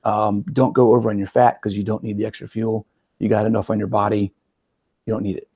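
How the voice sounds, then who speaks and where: A man in his forties hosting a casual interview as a coach, talking in an energetic, conversational way with frequent "right?" asides. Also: on the low side, a little fast. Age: 40s. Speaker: podcast host and metabolic coach.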